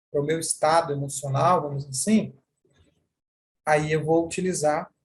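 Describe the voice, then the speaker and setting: A man with a Brazilian Portuguese accent teaching a sign language class, explaining deliberately with repeated examples. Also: on the high side.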